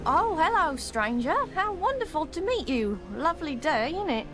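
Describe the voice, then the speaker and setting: A woman's voice: high-pitched, sing-song, moderate pace. A woman voicing a guarded game character who acts cheerfully polite to a stranger, speaking. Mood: mock-cheerful. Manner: chirpy politeness turning curt.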